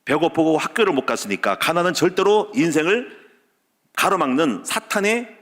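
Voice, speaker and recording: Man, pastor, sermon, emphatic, repetitive short clauses, loud peaks, quiet endings. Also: fairly high pitch, very animated, normal speed. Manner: swings between loud exclamations and dropped quiet endings; tells personal stories with laughter. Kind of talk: Wednesday service sermon.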